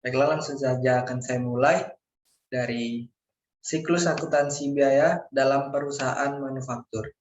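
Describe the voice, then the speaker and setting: Speaking at a measured pace with medium pitch and fairly even intonation, a young adult male student delivers a scripted slide presentation formally, sometimes fumbling words. The room echoes, and the microphone is dull and lo-fi.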